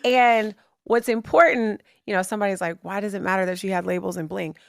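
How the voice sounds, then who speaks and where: Gushing, excitable woman podcast host. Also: mid-range voice, fairly quick, creaky, smooth, dry recording, clean studio sound. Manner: gushing, excitable, many fillers. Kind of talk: casual interview chat.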